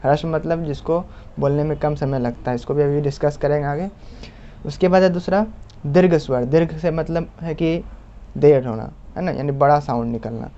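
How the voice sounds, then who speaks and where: A man teaching a lesson patiently, repeating points and drawing out example sounds slowly. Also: fairly high pitch, dark tone. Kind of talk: explanatory lesson. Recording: muffled lo-fi recording.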